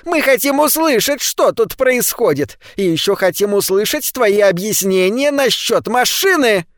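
A man reading an audiobook, voicing a shrill, pushy male neighbor who makes accusing demands. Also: animated, unhurried, fairly bright tone, dry recording, studio quality. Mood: shrill demanding.

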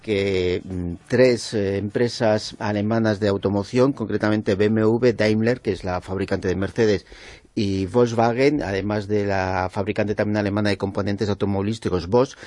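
Male radio contributor, lower voice, measured and hesitant explainer, dry close sound. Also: fairly even intonation, darkish tone, no room sound. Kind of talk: explaining a news story on a radio show.

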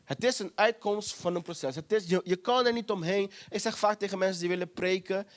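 A man's voice: sits high, fairly quick. A man preaching a sermon, emphatic and repetitive, retelling scripture with quoted voices.

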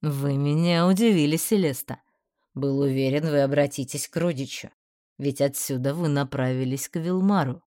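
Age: adult. Figure: woman voicing an icy sarcastic male professor. Pitch: lowered. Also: normal speed, warm tone, dry recording, studio quality, close to an everyday voice. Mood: icy sarcasm. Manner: icy, cutting, mocking.

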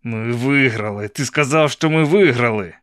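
A man voicing a panicked young male militant who yells in a shrill, frantic voice, in a dry audiobook reading. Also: moderate pace, no room sound, lightly acted.

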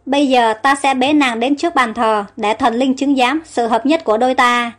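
A woman's voice: high voice, steady tone, moderate pace, close to an everyday voice. A woman voicing a young prince who speaks affectionately and courteously. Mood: tender. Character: tender young prince in love.

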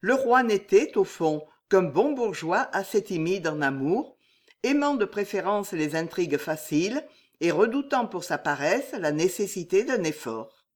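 A woman narrating a classic novel aloud in a measured, expressive way. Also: mid-range voice. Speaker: audiobook reader.

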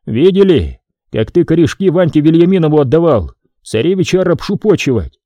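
A man's voice: fairly high pitch, very animated, brisk, no room sound, highs cut off, pitched above the performer's own voice. A man voicing a harsh, commanding nobleman who scolds a prisoner. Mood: stern. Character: stern angry male boyar, a nobleman.

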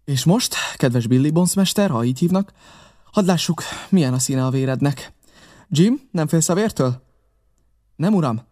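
A man voicing a brisk, confident village doctor who gives orders. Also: fairly high pitch, animated, mellow, pitched above the performer's own voice. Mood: commanding. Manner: brisk, commanding.

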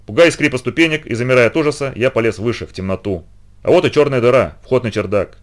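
A man's voice: medium pitch, fast. A man reading a children's story aloud in the first person, with dramatic expression. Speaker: reader.

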